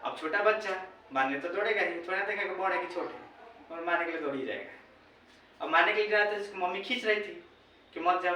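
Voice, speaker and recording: A man's voice: high voice, sharp tone. A male teacher, retelling a story to students in a chatty way, repeating himself and checking in with his listeners. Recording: very echoey room, voice far from mic, faint background noise.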